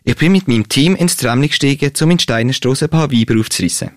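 A man's voice: medium pitch, lively intonation, fast, dry recording, clean studio sound, close to an everyday voice. A man voicing a boastful young man with a Swiss German accent telling how he met his girlfriend. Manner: boastful, easily annoyed.

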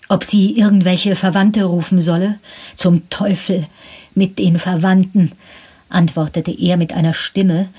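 A woman narrating a story in measured scripted storytelling with a husky voice. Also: lowish voice, mellow.

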